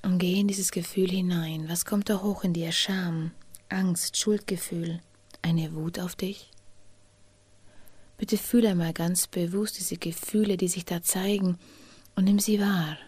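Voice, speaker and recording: A woman guides a slow inner-child meditation, breathing out half her words as a soft whisper. Her slightly low, husky voice holds a steady tone and is captured dry and close with no room sound, with long pauses between short, gentle phrases.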